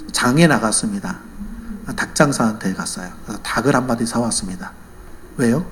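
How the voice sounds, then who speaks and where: A man's voice: medium pitch, a little hiss or hum. A male senior pastor preaching a sermon, telling a story and driving it home with emphatic rhetorical questions.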